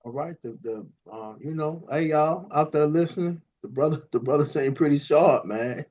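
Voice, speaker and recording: A man co-hosting a podcast, talking in an animated, preachy way to a guest and stumbling over repeated words. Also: on the high side, moderate pace. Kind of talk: casual podcast conversation. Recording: slightly dull lo-fi audio.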